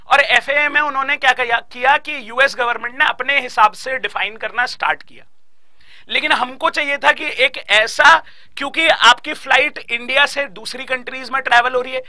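A man's voice: very high-pitched, bright, forceful tone, no echo. A young Indian man giving a live online exam-prep lecture, repeating key points and quizzing his students aloud.

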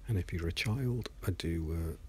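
A man, talking softly and in a monotone, often half-whispered, as he walks through his 3D animation work at a desk microphone. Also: sits low, moderate pace, slight background noise. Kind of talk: screen-recorded software walkthrough.

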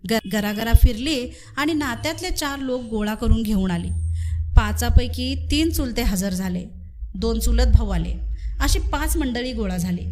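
A woman narrating a Marathi village story aloud in an expressive, measured way. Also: fairly high pitch, slight background noise. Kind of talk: story reading.

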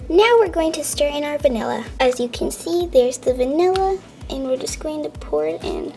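A woman voicing a cheerful female pink lamb toy hosting a cooking show, chatty and walking through each step with soft asides. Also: high voice, rough recording. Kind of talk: toy stop-motion cooking show voice-over.

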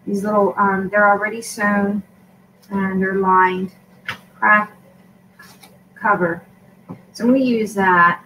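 A woman's voice: medium pitch, steady tone, slow, pauses often, sharp tone, recorded from a distance, a little hiss or hum, low-quality recording. A woman vlogger chatting casually as she shows craft supplies in a tutorial for her shop, rambling with lots of fillers.

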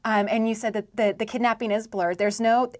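A woman's voice: a little high, flat delivery, fairly quick. A young woman interviewer in a studio, hosting a book interview in a chatty way with lots of restarts. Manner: chatty, many restarts and fillers. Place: studio with dark backdrop.

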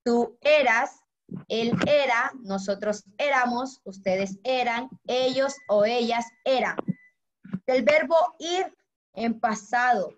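A woman's voice: a little high, slow pace, a little hiss or hum. A woman teaching a class to children, patient and affectionate, walking them through a table of verbs. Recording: dull lo-fi audio.

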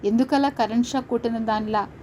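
A woman's voice: on the high side, steady tone, fairly quick, dark tone, slight background noise, lightly acted, low-quality recording. A woman voicing an impatient, sarcastic middle-aged mother-in-law in a storybook tale.

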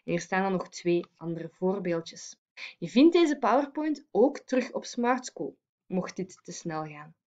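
A woman teacher explaining a grammar lesson clearly and correcting herself now and then. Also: medium pitch, sing-song, unhurried, a little mellow. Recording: dull lo-fi sound.

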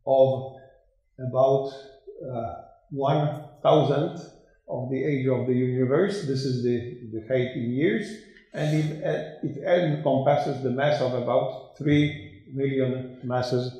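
An older man giving an academic conference lecture, slow and hesitant with many fillers and restarts, in a dark lecture room. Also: mid-range voice, steady tone, heavy reverb, poor audio. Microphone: room microphone.

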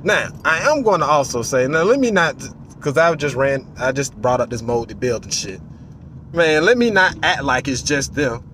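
A man in his forties giving animated, casual commentary from inside a parked car, acting out voices and swearing freely. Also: mid-range voice, normal speed, slight background noise. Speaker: vlogger. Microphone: phone on the dashboard.

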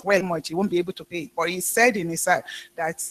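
A woman pastor preaching a sermon, telling a story in a halting way with frequent restarts. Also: on the low side, steady tone, fairly bright tone.

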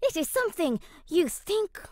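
A woman playing a gloating, menacing wicked witch in a family audio drama, with theatrical, mocking, drawn-out taunts. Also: very high-pitched, big pitch swings, mellow, no room sound, studio quality.

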